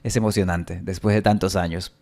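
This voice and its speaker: A man with a somewhat low voice talks straight to the camera in a casual vlog. He explains things patiently and then repeats practice words over and over. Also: steady tone, brisk, gravelly, darkish tone. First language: Spanish. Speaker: vlogger documenting learning to trill R. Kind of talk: casual first-person vlog.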